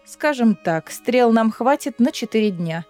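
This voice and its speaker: A woman's voice: a little high, animated, unhurried, darkish tone, faint music behind. A woman reading an audiobook, voicing a woman commander who speaks bluntly and questions the odds. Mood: grim.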